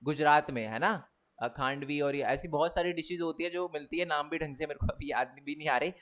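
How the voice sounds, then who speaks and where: A young male teacher gives a chatty exam revision lesson, speaking in. His voice sits high for a man, and he keeps asking the students whether they follow. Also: a little fast, a bit bright. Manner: chatty, repeats tag questions.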